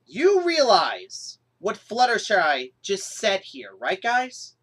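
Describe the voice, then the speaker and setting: A young woman vlogger reviewing a cartoon episode in an exasperated, animated rant with sudden outbursts. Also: medium pitch, slow pace, breathy edge.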